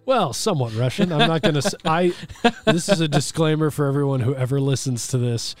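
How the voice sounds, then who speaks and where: A man's voice: on the high side, fairly quick, faint music behind. A man narrating a tabletop game as game master, casual and chatty, with many fillers and self-corrections.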